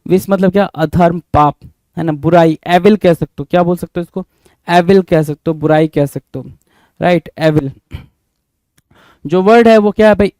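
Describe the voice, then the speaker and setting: A man's voice: on the high side, mellow, smooth, no echo. A young man teaching English vocabulary for exams, spelling words out letter by letter and asking and answering his own questions. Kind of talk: exam-prep vocabulary lesson.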